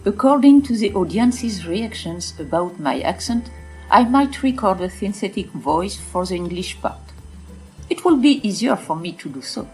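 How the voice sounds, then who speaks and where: A woman with a French accent reading a bilingual French and English lesson slowly and plainly in a blunt, outspoken manner. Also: medium pitch, animated, darkish tone, soft background music. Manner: slow, deliberate and outspoken. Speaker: podcaster teaching French. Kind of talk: scripted bilingual narration.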